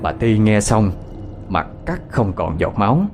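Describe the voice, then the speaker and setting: A man narrating a ghost story as a lively, dramatic storyteller. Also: lowish voice, a little slow, faint music behind.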